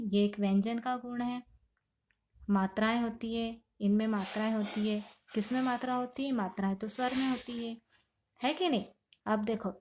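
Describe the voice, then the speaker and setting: In a classroom lesson on Sanskrit grammar, a woman with a fairly high but darkish-toned voice works through the material step by step. She patiently poses questions and then answers them herself.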